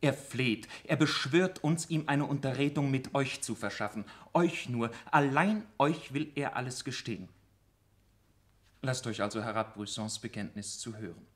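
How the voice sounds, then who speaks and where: Radio play role: persuasive male police officer played by an actor, medium pitch, courtly, earnest, emphatic. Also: moderate pace, lightly acted. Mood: urgent persuasion. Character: formal, urgently persuasive police lieutenant. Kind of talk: German literary radio drama.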